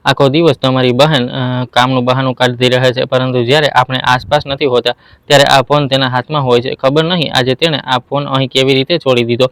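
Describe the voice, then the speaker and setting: A man voicing a sly, scheming young wife who levels false accusations, in a flat, smooth voice. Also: medium pitch, brisk, no room sound, close to an everyday voice.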